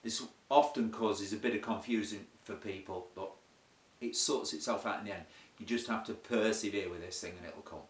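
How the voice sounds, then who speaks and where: A man's voice: on the low side, steady tone, moderate pace. Chatty man teaching sax in an echoey room. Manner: chatty, self-deprecating, explains step by step. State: has the hiccups. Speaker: saxophone teacher. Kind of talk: casual music lesson. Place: room with a board. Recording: roomy echo, heard from a distance.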